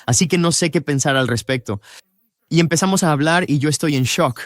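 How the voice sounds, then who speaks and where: A man's voice: on the high side, brisk, no echo, clean studio sound. A man recounting his personal faith testimony as a former missionary, in an earnest, confessional storytelling way.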